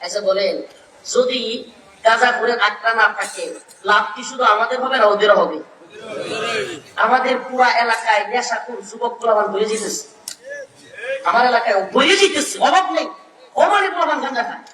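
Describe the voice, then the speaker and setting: A middle-aged preacher with a Bangladeshi Bengali accent shouts his sermon in a very high, piercing voice. He is heard from a distance through loudspeakers, with a long echo. A faint crowd murmurs behind him. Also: fairly quick, long pauses. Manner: shouting, preaching, rising in pitch on Arabic verses. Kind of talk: fiery open-air sermon. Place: outdoor religious gathering. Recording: echoey loudspeaker sound from afar with crowd.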